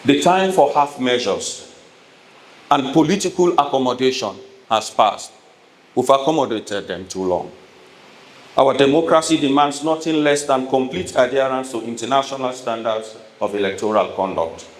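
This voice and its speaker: Addressing a town hall in an echoey hall with clear background noise, a Sierra Leonean-accented man delivers a prepared political address. He speaks in measured, emphatic, deliberate phrases, his mid-range voice full of expression.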